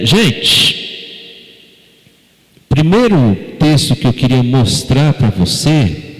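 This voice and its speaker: Slow-speaking Brazilian pastor in a reverberant church. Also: male voice, mid-range voice. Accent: Brazilian Portuguese. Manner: conversational, questions the congregation. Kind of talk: sermon. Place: church sanctuary. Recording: long church-hall reverb.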